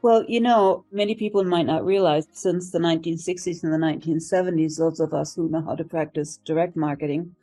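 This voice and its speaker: With soft music in the background, a deep, steady, warm-voiced older woman from the United States recounts her career as an interview guest. A marketing professional and professor with an American accent, she answers thoughtfully and measuredly, occasionally stopping to search for words.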